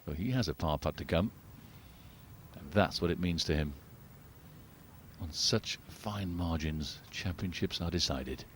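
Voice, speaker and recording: A man giving live golf commentary as the lead commentator, in a measured, understated, conversational way. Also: low-pitched, slight background noise.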